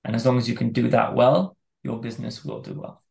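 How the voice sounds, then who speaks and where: A man who grew up in Dubai, a managing director speaking as a podcast guest in a reflective, earnest and steady way. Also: mid-range voice, a little fast, gravelly, echoey room. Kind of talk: conversational podcast interview.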